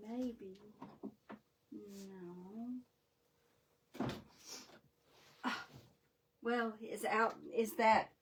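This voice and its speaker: A woman with a drawl hosts a home craft livestream, rambling in a folksy, friendly way as she paints. Her voice is bright and forward, picked up close by a desk mic in a small craft room. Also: medium pitch, slight background noise. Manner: chatty, folksy, greets viewers by name. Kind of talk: casual livestream chat while painting.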